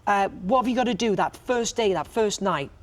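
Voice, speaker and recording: A woman's voice: mid-range voice, animated, a little fast. A woman conducting a casual promotional interview in a chatty, encouraging way.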